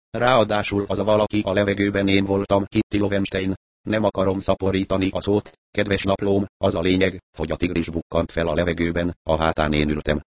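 A man narrating a first-person story in a steady storytelling manner. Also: deep voice, no room sound. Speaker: reader.

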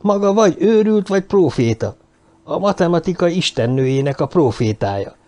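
A stern, dying bearded mathematician, voiced by a male audiobook narrator, speaks in a low, raspy voice. He lectures with scorn, pitched a little above the narrator's plain tone. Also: lively intonation, mellow, natural voice. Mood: scornful. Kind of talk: audiobook character voice.

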